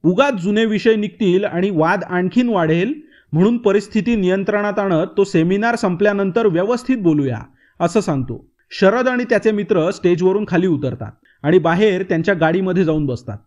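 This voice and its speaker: A man reading a novel aloud as narrator in steady storytelling. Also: sits high, normal speed, highs cut off. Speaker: audiobook narrator.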